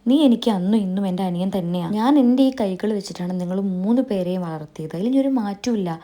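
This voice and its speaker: Woman voicing a gentle eldest brother. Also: medium pitch, fairly quick, natural voice. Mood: tender. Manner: gentle, reassuring. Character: man, caring eldest brother who raised siblings.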